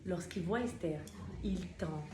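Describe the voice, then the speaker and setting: A woman telling a religious story to a group of women in a lively, chatty way, addressing her listeners directly. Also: fairly low pitch, measured pace. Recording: roomy echo, faint noise.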